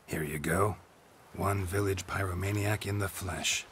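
A man's voice: fairly even intonation, fairly bright tone, a little hiss or hum. An actor playing a stoic, middle-aged male monster hunter in a video game, speaking tersely and dryly. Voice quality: deep gravelly. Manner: terse, dry, unhurried. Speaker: witcher protagonist.

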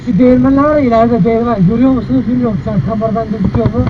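A man's voice: very high-pitched, very fast. A man chatting casually and in a rambling, colloquial way as a motovlogger, talking inside a helmet while riding. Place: inside a helmet, outdoors on a moving motorcycle. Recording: muffled inside a helmet, loud engine and road noise.

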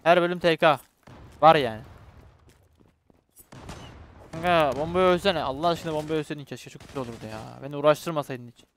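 A man's voice: fairly high pitch, fast talker, slight background noise. A young man commentating his own shooter gameplay, swearing and joking with teammates and pleading with viewers to subscribe. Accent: Turkish. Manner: excitable, swearing, jokey banter with teammates. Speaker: gaming YouTuber.

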